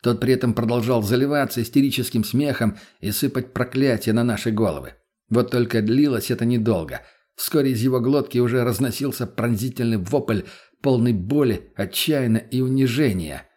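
A man's voice: medium pitch, moderate pace, dark tone. A man narrating an audiobook in a blunt, crude, matter-of-fact way.

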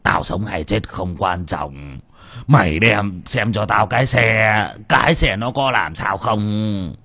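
A man voicing a cranky old village father who speaks slowly and scoldingly, wheezing near death. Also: lowish voice, sharp tone, heavily acted. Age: older.

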